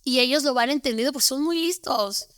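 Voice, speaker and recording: A woman's voice: high voice, fairly quick, a bit bright, clear, resonant tone, no echo, clean studio sound. A young adult woman, a teacher, telling stories earnestly and often tagging her points with a questioning "¿no?". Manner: earnest, repeats words, tags with "¿no?". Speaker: guest, teacher. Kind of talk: conversational storytelling.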